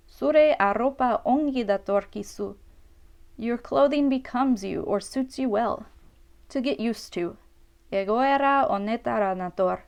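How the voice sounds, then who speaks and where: A woman with a slightly high voice narrates a scripted grammar lesson. She reads each example phrase slowly and carefully, then gives its translation in an even, instructive way. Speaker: language teacher.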